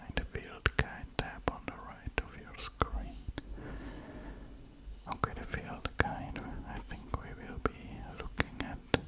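A man whispers close to the microphone in a soft ASMR wildlife watching style. His whisper is breathy and unvoiced, with no full tone behind it. He takes his time, reading aloud slowly and adding hushed comments as he goes. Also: low-quality recording. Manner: slow, hushed, unhurried. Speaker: ASMR host. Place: indoors at a computer.

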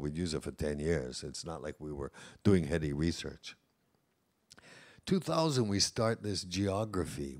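A man with a very low-pitched voice speaks as a language professor addressing teachers. His delivery is relaxed and conversational, full of anecdotes and casual asides. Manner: conversational and anecdotal, frequent "you know" asides. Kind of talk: informal lecture to an audience of teachers.

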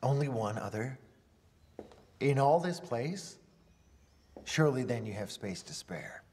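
An actor playing a scheming, smooth-talking writer in a period film, speaking in a polite, persuasive, formal way. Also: male voice, mid-range voice, expressive, a little slow, a little mellow, a little hiss or hum, close to an everyday voice. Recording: reverberant film soundtrack.

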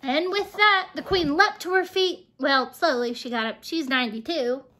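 A woman reading a children's picture book aloud, expressive and animated, with asides to her young listeners. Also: sits high, normal speed. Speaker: storybook reader. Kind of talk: children's storybook read-aloud.

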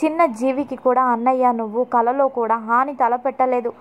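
A woman voicing a hot-tempered young man who shouts threats of revenge, read in her own voice. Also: on the high side, steady tone, moderate pace, muffled recording, lightly acted. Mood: pleading. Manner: shouting, heated.

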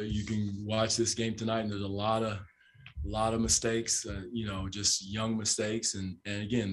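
Low, flat-voiced older coach at press conference. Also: male voice. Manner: measured, repeats phrases, frequent fillers. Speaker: basketball head coach. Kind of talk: postgame press conference answers. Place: press room with sponsor backdrop. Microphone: table microphone in front.

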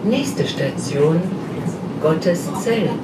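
Zugansagerin über Durchsage-Lautsprecher, tiefere Frauenstimme, lebhafte Melodie, hallig, laute Fahrgeräusche. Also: female voice, animated, distant mic. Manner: slow, measured, clearly sung-out announcing. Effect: played over the train intercom loudspeaker. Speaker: train announcer. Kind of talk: recorded station announcements. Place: inside a regional train carriage. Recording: echoey loudspeaker heard from afar on a moving train. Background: loud train rumble and air conditioning.

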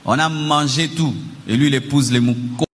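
A woman voicing a middle-aged mother who lectures her daughter slowly and sternly. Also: rumbling low, long reverb tail, slight background noise, voice pushed down. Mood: scolding. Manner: slow, lecturing.

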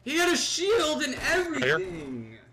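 A young man streaming gameplay as a raging gamer, shouting and swearing in frustration. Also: extremely high pitch, wildly swooping pitch, a little slow, over a noisy crowd. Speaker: gaming streamer. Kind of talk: live gameplay commentary. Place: indoor room at home. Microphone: gaming headset.

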